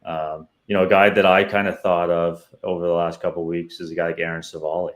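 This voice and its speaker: Deep-voiced Canadian man analyzing baseball. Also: little pitch movement, fast talker. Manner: confident, opinionated analysis. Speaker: podcast co-host. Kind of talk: casual sports analysis.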